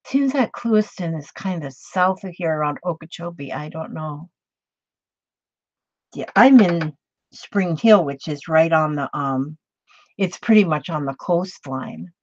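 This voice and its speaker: Chatting with her viewers while crafting, this host, a woman in her sixties (late sixties) from Minnesota, speaks in a low, animated, unhurried voice. She rambles along, using fillers and starting over. No room sound comes through, though the audio is dull and a bit lo-fi.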